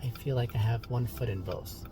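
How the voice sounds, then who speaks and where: A man's voice: medium pitch, normal speed, noisy background. Articulate man talking in a car. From Ethiopia. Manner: articulate, reflective. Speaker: rideshare driver. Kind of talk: casual conversation. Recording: car interior with loud background music. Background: loud music.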